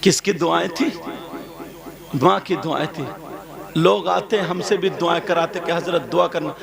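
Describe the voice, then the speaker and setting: A male Islamic preacher telling a story in an impassioned sermon, dropping to hushed tones and rising to loud dramatic cries. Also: a little high, a little slow, vocal fry, a crowd in the background.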